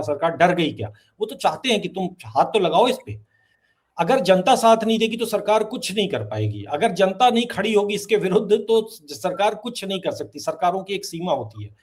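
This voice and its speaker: A man speaking as a political commentator on a discussion show, emphatic and repetitive, often pausing with hesitations. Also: sits high.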